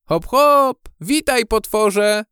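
A man voicing a cheerful, curious young female bee in a storybook audiobook, lively and playful. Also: fairly high pitch, unhurried, no room sound, studio quality, pitched above the performer's own voice.

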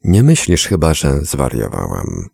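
A man voicing a worried young mother who speaks softly and helplessly in a storybook reading. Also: rumbling low, wildly swooping pitch, measured pace, vocal fry, husky, dry recording, heavily acted. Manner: hushed, helpless.

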